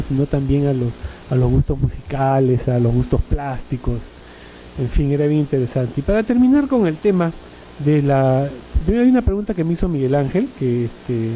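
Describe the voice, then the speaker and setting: A middle-aged man recalls old times before a panel audience. His voice is very dark and mellow, pitched a touch high, and faint noise sits under it. He rambles in a friendly way and leans often on tag questions and fillers. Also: low-quality recording. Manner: rambling storyteller, frequent "¿no?" and "este" fillers. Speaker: panel speaker. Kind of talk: anecdotal reminiscence at a panel.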